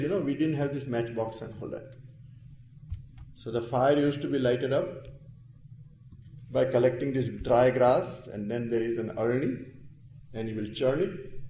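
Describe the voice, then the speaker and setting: A man's voice: mid-range voice, dark tone. A man with an Indian accent giving a spiritual lecture as a teacher of scripture, explaining with emphatic phrasing. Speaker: Vedanta teacher. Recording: roomy echo with faint background noise.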